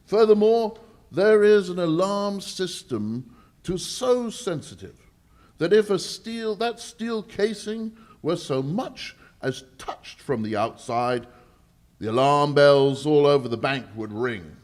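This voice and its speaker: An actor playing a proud, easily exasperated English lord in charge of a bank vault, speaking formally in a 1940s radio drama style. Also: male voice, a little high, expressive, a little mellow. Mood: proudly emphatic. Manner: emphatic, deliberate, formal, slightly halting. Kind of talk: 1940s radio drama acting, performed live.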